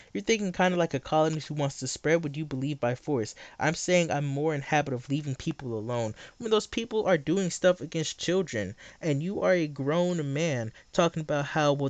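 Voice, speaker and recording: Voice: medium pitch, no echo. A teenage live streamer chatting and debating bluntly and casually while chewing gum. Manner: blunt, argumentative.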